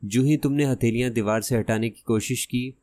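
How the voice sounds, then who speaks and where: A man voicing a cunning masked gunman in an audiobook who gives hushed, threatening orders. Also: medium pitch, close to an everyday voice. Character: menacing masked male gunman, cunning and cold.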